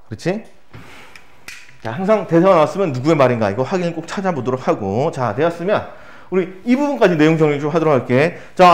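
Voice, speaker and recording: A man with a fairly high voice gives an exam-prep literature lesson. His pitch leaps up and down as he acts out quoted lines, then drops low to check that the class is following. He keeps asking rhetorical questions. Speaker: Korean literature teacher.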